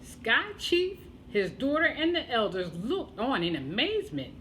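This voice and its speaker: A woman telling a children's tale as a storyteller, expressive and deliberate, with dramatic pauses. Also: a little high, slight background noise, low-quality recording.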